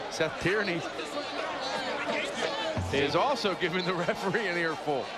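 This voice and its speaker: A man's voice: sits high, slow pace, over loud music. A man commentating on a live lacrosse game as part of a broadcast team. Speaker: sports commentator. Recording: loud crowd and stadium noise.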